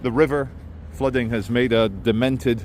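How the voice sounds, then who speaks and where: A man's voice: mid-range voice, normal speed, a little mellow. Man rambling outdoors over faint city noise. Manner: rambling, opinionated commentary. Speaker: vlogger. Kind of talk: walking vlog monologue. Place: outdoors in a city, walking by a river.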